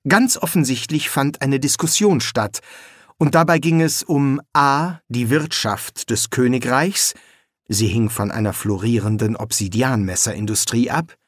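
A man reading an audiobook in a measured, expressive storybook narration. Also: mid-range voice, dry recording, studio quality.

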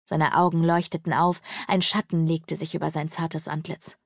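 A woman narrating a fantasy novel in the first person with steady, measured storytelling. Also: low-pitched, gravelly, dry recording, studio quality. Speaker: audiobook narrator.

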